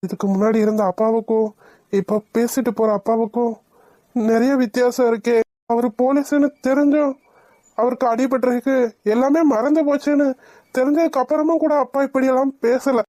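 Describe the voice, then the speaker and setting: A woman's voice: fairly high pitch, fairly even intonation, moderate pace, dark tone, no room sound. A woman voicing an anxious young woman in a cartoon, fretting and asking questions. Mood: worried. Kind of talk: cartoon voice acting.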